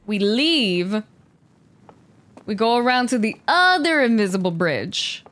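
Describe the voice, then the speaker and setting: A woman hosting a let's-play, thinking aloud with curiosity as she narrates her moves, sometimes dropping to a hush. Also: on the high side, very animated, slow. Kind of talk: casual gameplay commentary. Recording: faint game music behind.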